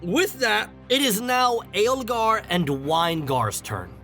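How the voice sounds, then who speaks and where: A man runs a tabletop game as its game master. He sets scenes dramatically in a bright, lively voice, with deliberate pacing. Music plays softly behind him. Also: sits high.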